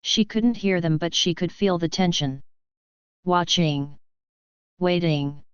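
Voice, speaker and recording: A woman narrating a fan-fiction story in a steady, measured reading. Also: lowish voice, smooth, dry recording. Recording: slightly dull, dry recording.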